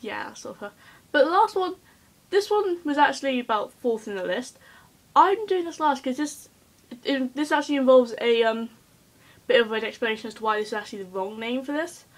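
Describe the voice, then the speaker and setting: A young-sounding woman talks straight to camera in a casual vlog. Her voice sits a little high, and she is hyper and giggly, rambling from one thought to the next with plenty of ums. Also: expressive, a little fast, rough recording. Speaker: vlogger.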